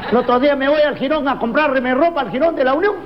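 High-voiced man doing self-mocking stand-up. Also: fast talker, a crowd in the background, noisy background. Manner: self-mocking punchline delivery. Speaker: stand-up comedian. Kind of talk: stand-up comedy monologue. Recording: reverberant dull live recording with loud ambience.

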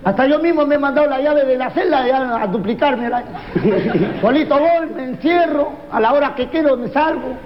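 A man doing self-mocking stand-up, his voice pitched very high. The sound is dull and carries a long reverb, with loud ambience behind him. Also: normal speed. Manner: self-mocking punchline delivery. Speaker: stand-up comedian. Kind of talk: stand-up comedy monologue.

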